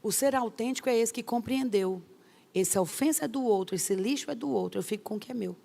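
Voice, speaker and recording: Gravelly-voiced woman pastor. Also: a little high, brisk, mellow. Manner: emphatic, acts out quotes, rhetorical questions. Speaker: pastor teaching a course. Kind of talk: lively teaching talk.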